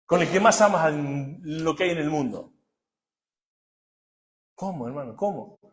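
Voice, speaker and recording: High-voiced pastor preaching with emphatic bursts. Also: male voice, animated, measured pace. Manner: swings between hushed asides and loud emphatic bursts; asks the congregation rhetorical questions. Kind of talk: sermon.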